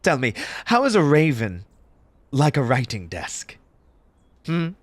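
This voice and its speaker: A man voicing a grieving, eccentric March Hare, a mannered gentleman speaking formally and theatrically in an ASMR roleplay, halting with emotion. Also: medium pitch, very animated, no echo. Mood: bitter, whimsical. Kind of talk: ASMR roleplay character monologue.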